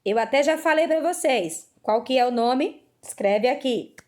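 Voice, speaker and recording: A woman's voice: sits high, animated, unhurried, a little mellow. A woman teacher, patiently explaining a lesson step by step and asking her students questions as she goes. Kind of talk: recorded remote lesson.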